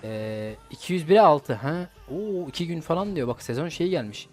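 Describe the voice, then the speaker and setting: A man's voice: a little high, animated, moderate pace, darkish tone. A young man giving casual, slangy gameplay commentary and swearing at his opponents. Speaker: gaming YouTuber. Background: game music.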